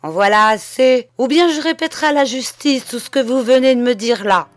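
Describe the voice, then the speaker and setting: A woman's voice: on the high side, a little slow, no room sound, studio quality, faint music behind, pitched above the performer's own voice. A woman doing a stubborn old rustic postman. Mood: firm. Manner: rustic speech, calm and firm. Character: stubborn old male village postman, former soldier, blunt.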